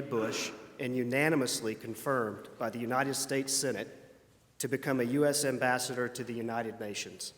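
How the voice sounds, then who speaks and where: A man giving an earnest, formal introduction of a guest speaker at a church service. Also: medium pitch. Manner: earnest, with hesitant "uh" fillers at the start. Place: church sanctuary. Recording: long church hall reverb.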